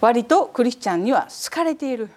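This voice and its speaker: Woman preacher, sermon, animated, asks the audience questions, high voice. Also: fairly quick.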